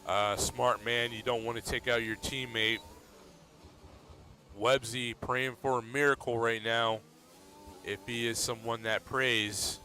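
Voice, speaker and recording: A man commentating a sim racing league race in a relaxed, steady play-by-play manner. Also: medium pitch, unhurried. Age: adult.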